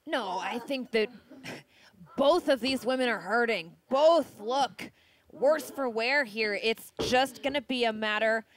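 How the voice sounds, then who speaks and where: A woman's voice: on the high side, takes it slowly. A woman giving colour commentary on a live wrestling match. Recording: clear background noise.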